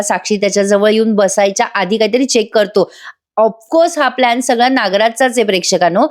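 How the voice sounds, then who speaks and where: A woman's voice: mid-range voice, darkish tone. Chatty woman narrating a serial recap. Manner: chatty, addresses viewers, comments wryly. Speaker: serial review host. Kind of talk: voice-over episode recap.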